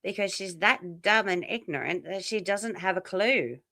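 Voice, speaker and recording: A woman's voice: medium pitch, moderate pace, pushed and bright, no echo. A woman guest on a casual livestream, blunt and indignant, swearing as she talks.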